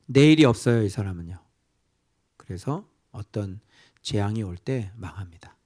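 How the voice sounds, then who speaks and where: A man's voice: lowish voice, moderate pace. A male pastor preaching a sermon, quizzing his listeners and dropping now and then into whispered asides. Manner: animated, asking the congregation questions, dropping to whispered asides.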